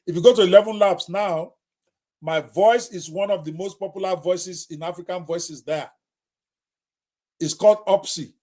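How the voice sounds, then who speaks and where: This middle-aged Nigerian man has a high, warm voice and hosts a live talk. He speaks emphatically, addresses viewers directly, and often repeats himself.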